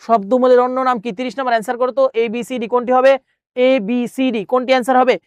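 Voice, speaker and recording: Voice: high-pitched, level tone, racing, no room sound, clean studio sound. A teacher running an exam-prep grammar lesson, repeating words and questions, asking viewers, then answering.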